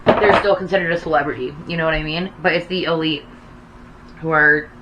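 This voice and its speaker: Outspoken woman with bright, forceful voice. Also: low voice, fairly even intonation, fairly quick, slight background noise, rough recording. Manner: outspoken, emphatic, slangy, swears freely. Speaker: talk show host. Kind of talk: casual opinionated gossip chat.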